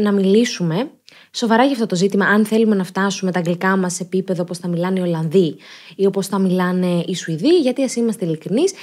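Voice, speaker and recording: Chatty podcast host, a woman with a middle-pitched voice, ironic and joking. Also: a little mellow. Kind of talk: casual chat.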